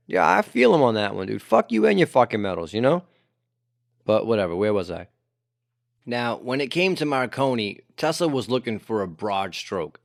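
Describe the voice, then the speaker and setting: A man's voice: medium pitch, dry recording, clean studio sound. A man hosting a casual history podcast, talking conversationally with lots of swearing and "you know" fillers. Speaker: podcast host.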